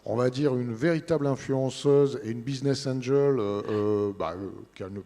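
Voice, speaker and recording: A man presents an events programme as an interview guest, informally and haltingly, searching for words. His medium-pitched voice carries the long reverb of a large hall. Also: warm tone. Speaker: interview guest representing a newspaper. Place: large studio set in a big hall.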